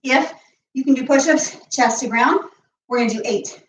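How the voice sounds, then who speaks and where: A woman's voice: high voice, moderate pace, a little hiss or hum. Breathless woman coaching a home workout. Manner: coaching while exercising, counting reps aloud. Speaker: fitness coach. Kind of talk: live home workout instruction. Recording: echoey room, mic at a distance.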